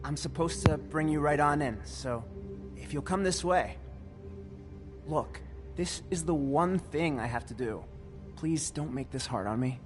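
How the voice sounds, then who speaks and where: A man's voice: on the high side, unhurried, over music, lightly acted. An actor playing a humble, anxious young doorman in a video game, polite and pleading in manner. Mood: polite, nervous.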